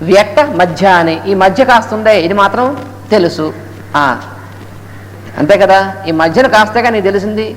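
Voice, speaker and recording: A man giving a spiritual discourse on a scripture, telling its story and chanting Sanskrit verses slowly between quick explanations. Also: sits high. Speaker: Gita lecturer. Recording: echoey hall with faint noise.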